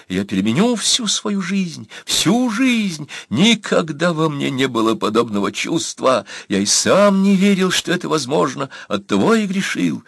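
A man's voice: on the high side, vocal fry, a bit bright, dry recording, clean studio sound, pitched above the performer's own voice, full character voice. A man voicing a short, fat, repulsive uncle who begs for love in a cooing, bleating whisper.

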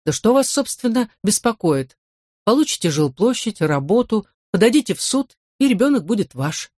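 Woman reading as a brisk, dismissive adviser. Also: medium pitch, very animated, a little mellow, no echo, clean studio sound.

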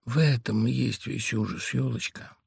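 A man's voice: steady tone, moderate pace, vocal fry, husky, dry recording, studio quality, full character voice. A man reading an anxious tender husband. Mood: earnest. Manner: pleading, emotional, rises in pitch when agitated.

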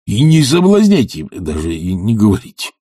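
A man voicing an older professor who grumbles and mumbles with weary, short-tempered gruffness. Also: on the low side, wildly swooping pitch, normal speed, mellow, dry recording, studio quality, full character voice. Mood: gruff.

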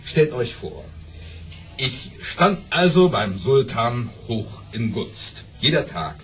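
Boastful baron, bombastic, excitable, hugely animated pitch, radio play, noisy recording. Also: male voice, takes it slowly. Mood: boastful, excited. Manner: bombastic, swooping, repeats words emphatically. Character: boastful, excitable baron, teller of tall tales.

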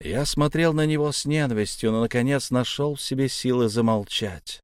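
A man giving a measured, tense first-person audiobook narration. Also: mid-range voice, clean tone, no echo, studio quality.

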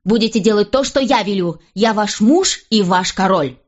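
A woman's voice: normal speed, lo-fi sound, lightly acted. Pompous commanding king, read by a woman. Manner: pompous, lower and firmer voice. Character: proud stubborn middle-aged king, pompous and commanding.

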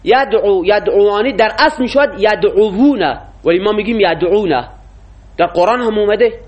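A man's voice: high voice, dull audio. A man teaching a classroom lecture, explaining rules and quizzing his students with frequent questions.

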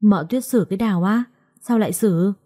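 A woman storyteller voicing a gentle but firm young bride who speaks politely and with restraint. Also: mid-range voice, brisk, lightly acted.

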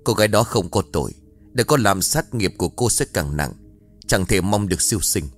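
A man voicing a solemn old Buddhist monk who speaks in a low, calm, admonishing way. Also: fairly quick, soft background music. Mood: pleading.

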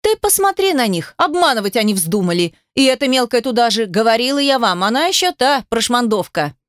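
A woman's voice: a little high, sing-song, a little fast, dry recording, studio quality. A woman reading the part of a sarcastic, foul-mouthed female Death in an audiobook. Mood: indignant. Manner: sarcastic, crude grumbling.

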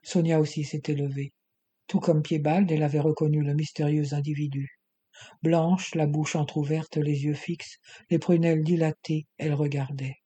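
Male audiobook narrator, measured reading, husky, dark mellow tone, slightly high pitch. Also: flat delivery.

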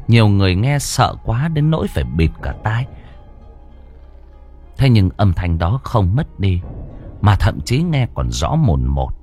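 A man's voice: low-pitched, darkish tone. A man narrating a ghost story with dramatic, suspenseful delivery.

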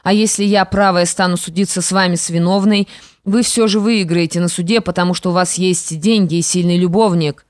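A woman's voice: on the low side, fairly even intonation, a little fast, no room sound, studio quality, natural voice. A woman voicing a defiant young stepdaughter in an audiobook, firm and reproachful. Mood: indignant. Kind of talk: audiobook character reading.

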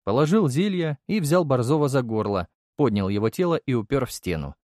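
A man narrating a first-person fantasy audiobook, briskly, with gruff, curt lines for the hero. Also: medium pitch, lively intonation, darkish tone, dry recording, studio quality.

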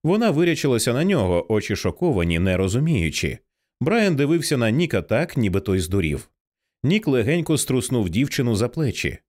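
Expressive male audiobook narrator. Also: mid-range voice, a little fast. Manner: expressive, dramatic reading. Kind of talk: scripted narration.

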